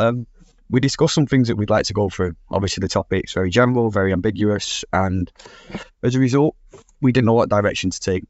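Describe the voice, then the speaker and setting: Low-voiced male podcast host. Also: dry recording. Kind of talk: hosting a podcast panel. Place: podcast room. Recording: slightly muffled podcast recording.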